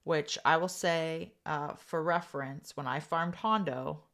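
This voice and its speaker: A woman with a gravelly voice co-hosting a casual live podcast, chatty and relaxed. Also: deep voice, measured pace. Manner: relaxed, chatty, thanks listeners. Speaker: podcast co-host.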